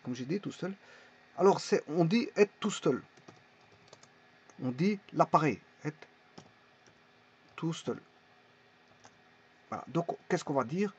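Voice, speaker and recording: Male teacher, husky and a bit high, halting explanations, dull lo-fi sound. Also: animated. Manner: halting, many fillers and restarts. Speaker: language teacher. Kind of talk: casual explanatory lesson. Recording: dull lo-fi recording.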